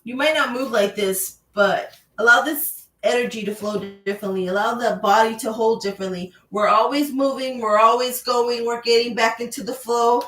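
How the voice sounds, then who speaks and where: A woman leading a chair yoga class, guiding breath and movement with slow, soothing, repeated cues. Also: fairly high pitch, a bit bright. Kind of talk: guided yoga class with visualization. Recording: echoey room, voice from far off.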